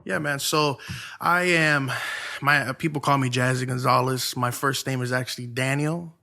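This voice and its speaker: Young man, from Ohio, church music minister, bright forceful voice, casual and friendly, some restarts. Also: medium pitch, fairly even intonation, moderate pace. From Lorain, Ohio. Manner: laid-back and friendly, with restarts. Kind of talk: casual interview talk.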